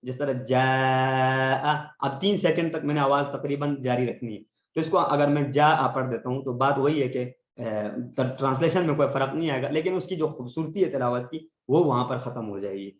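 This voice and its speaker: A man teaching a tajweed lesson, explaining patiently and slowing down to recite verses as examples. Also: medium pitch. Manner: explains patiently, often checks with "theek hai?". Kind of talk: online tajweed lesson in Urdu. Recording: roomy, dull lo-fi sound.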